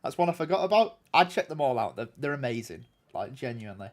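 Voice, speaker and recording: Here the young streamer's nasal voice sits in the mid range, swinging widely in pitch as he talks fast. Chatting casually with viewers of his game stream, he wanders off topic, says um often, and keeps restarting.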